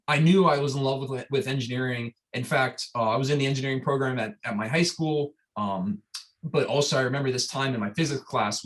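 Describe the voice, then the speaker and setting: A man's voice: mid-range voice, a bit bright. A young man from Florida, a startup founder, telling his story in a casual interview, enthusiastic and rambling with lots of fillers and restarts.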